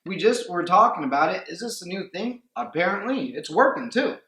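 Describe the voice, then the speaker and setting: A man with a Mexican-American English accent and a slightly higher voice co-hosts a sports talk show from a home. He is chatty and excitable and jokes around, and his voice carries a noticeable room echo. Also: a little fast. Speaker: co-host. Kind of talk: casual sports radio chat. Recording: echoey room.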